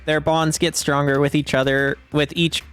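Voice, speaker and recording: A woman doing a flat mechanical robot voice. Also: low voice, normal speed, clear, resonant tone, faint music behind, lightly acted. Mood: monotone. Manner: flat monotone robot delivery. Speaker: streamer. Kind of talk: reading game dialogue aloud.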